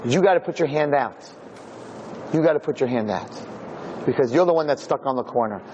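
A man's voice: medium pitch, animated, fairly quick, a little mellow, dull audio, a little hiss or hum. A man giving an informal Torah lecture to a roomful of listeners, speaking emphatically and throwing rhetorical questions at them. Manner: emphatic, asks the audience many rhetorical questions. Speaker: rabbi giving a class. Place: lecture room with an audience.

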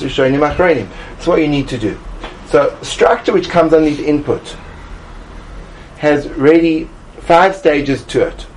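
A man teaching a Talmud study class, emphatic and animated, acting out little voices to make his points. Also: a little high, slight background noise. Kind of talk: classroom lecture.

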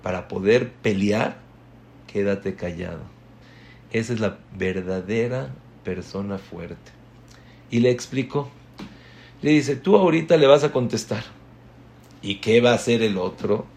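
A man giving a religious class, telling stories that move between hushed and emphatic delivery. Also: fairly low pitch, unhurried, pauses often. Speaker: religious teacher.

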